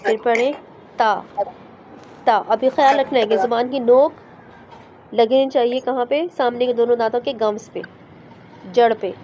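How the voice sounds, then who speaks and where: A woman teaching Quran recitation in a class, patiently explaining letters step by step and sounding them out slowly. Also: on the high side, steady tone, dark tone, slight background noise. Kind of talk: online class explaining pronunciation.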